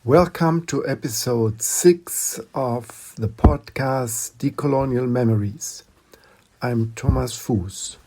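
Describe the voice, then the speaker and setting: A man hosting an interview podcast, introducing his guest and asking measured, polite questions. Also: mid-range voice, vocal fry, warm tone. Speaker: podcast host. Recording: echoey room.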